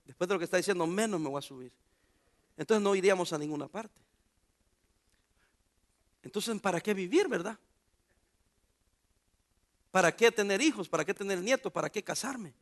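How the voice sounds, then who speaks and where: A man's voice: high voice, normal speed, pauses often. A man preaching a sermon as pastor, joking and calling out to the congregation. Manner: animated preaching with jokes and calls to the congregation.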